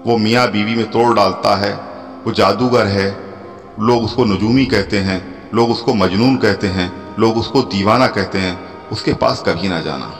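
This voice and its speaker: A man's voice: normal speed, natural voice. A man putting on a tearful elderly woman. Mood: urgent. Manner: tearful, pleading, rising to high emotional appeals. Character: pleading elderly woman from Mecca. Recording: long hall reverb with soft music.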